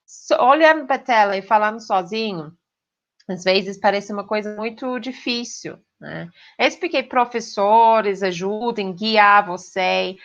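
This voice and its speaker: This English teacher is a woman from Britain, a native speaker with an English accent, speaking at a measured pace in a mid-range, fairly bright voice. She leads an online pronunciation lesson in a clear teaching tone, checking in often with "ok?", and the recording sounds lo-fi.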